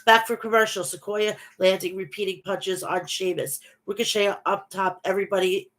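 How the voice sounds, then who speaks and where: A woman congested by a bad cold hosts an easygoing wrestling recap, reading match results aloud and chatting with viewers. Her nasal voice has medium pitch, fairly even intonation, a fairly bright tone, and normal speed.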